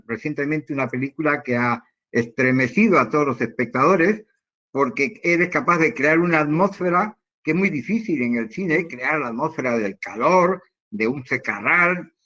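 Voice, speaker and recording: Male host, slightly high voice, dull lo-fi call sound. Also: pushed and bright. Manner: long, elaborate questions. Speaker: interview host. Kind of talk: interview questions.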